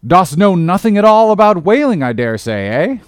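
Man voicing a gruff old sea captain, booming, suspicious, high and loud, audiobook, dry close sound. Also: sing-song, moderate pace, dry recording. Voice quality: loud, booming, archaic speech.

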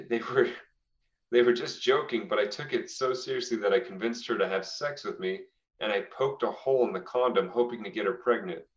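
In a roomy, slightly dull recording, a young podcast co-host reads listener confessions in a casual way. His voice is on the low side and fairly quick. He laughs often while reading and says "dude" a lot.

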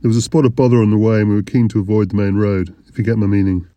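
A man's voice: fairly low pitch, steady tone, very fast, mellow, no room sound, close to an everyday voice. A man voicing a weary male traveller who speaks evasively. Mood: cagey. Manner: evasive, knowing. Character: weary, cagey young man on the road.

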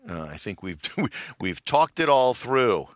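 A man's voice: fairly low pitch, very animated, takes it slowly, no room sound, studio quality. A man co-hosting a podcast in casual chat, rambling with many fillers and frequent laughs. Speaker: podcast co-host.

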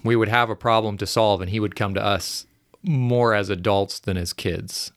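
A man's voice: on the low side, fairly even intonation, dry recording, studio quality. A man casually reminiscing in conversation, often restarting his sentences and laughing as he tells a story. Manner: halting, restarts and laughs while telling.

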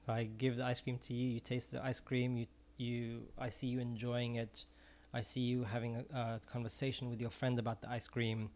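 In a monotone, darkish mid-range voice, a middle-aged man from Israel talks a little fast with hardly any pauses. Formerly a music teacher and now an ice cream vendor, he speaks earnestly in a casual interview, often repeating words while searching for phrasing.

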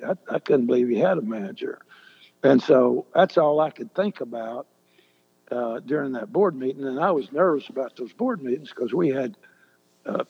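Husky older man, halting storyteller. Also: medium pitch. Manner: halting and deliberate, many restarts. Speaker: interview guest. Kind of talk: storytelling in an interview. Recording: echoey, dull lo-fi sound.

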